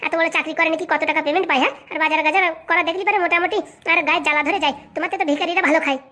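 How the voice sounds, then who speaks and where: A woman voicing a shrill, nagging cartoon wife. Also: fairly even intonation, rapid-fire, bright, forceful tone. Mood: scolding. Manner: scolding, nagging with constant "haa?" tags. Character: demanding pregnant young wife, sharp-tongued and haughty. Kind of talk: comic cartoon dubbing.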